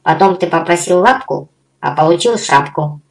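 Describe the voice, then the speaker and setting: Субастик, a squeaky cheeky little creature. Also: male voice, lively intonation, vocal fry. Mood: eager, teasing. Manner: squeaky, quick and teasing. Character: small cheeky male magical creature.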